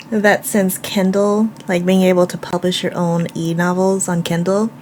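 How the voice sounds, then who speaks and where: A woman streamer with a slightly low voice reacts casually to a video. She banters and exclaims playfully, with faint noise behind her. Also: little pitch movement, unhurried, darkish tone.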